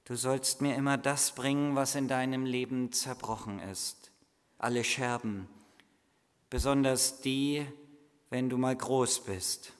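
A gentle, kind child Jesus, played by a male preacher with a quiet, lowered voice. He speaks very slowly, and the soft words ring out in a long church reverb. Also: smooth, lightly acted. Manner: low, soft and calm.

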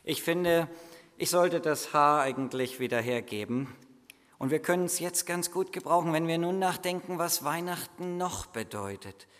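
A male pastor preaching a sermon in a church, telling a story in a deliberate, emphatic way. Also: fairly high pitch, animated, a bit bright, in a large hall.

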